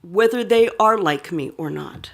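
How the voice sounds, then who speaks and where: A woman's voice: medium pitch, animated, measured pace, vocal fry. A woman giving an academic lecture, reading a prepared text aloud with occasional asides and fillers. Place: lecture hall.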